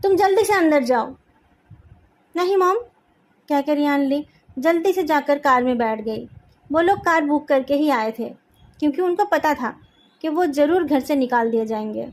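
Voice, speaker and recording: A woman reading a fan fiction story aloud in a calm, even narrating manner. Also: high voice, normal speed.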